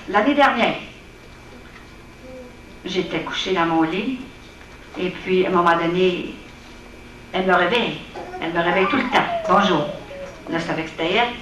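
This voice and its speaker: A woman's voice: medium pitch, a bit bright. A woman with a Quebec French accent giving an earnest, plain-spoken personal testimony to an audience at a prayer evening. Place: hall at an evening gathering. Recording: echoey room, voice from far off, faint hiss.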